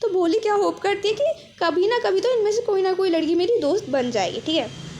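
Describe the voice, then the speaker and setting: A young woman teaches a story chapter in a very high voice. She explains patiently and slips into the characters' lines as she goes. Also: expressive, a little fast, a little mellow, a little hiss or hum. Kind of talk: chapter summary lesson.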